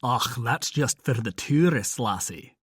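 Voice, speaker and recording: A man voicing a centuries-old Scottish vampire warrior, low and wry. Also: expressive, unhurried, fairly bright tone, breathy edge, no echo, clean studio sound. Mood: playful.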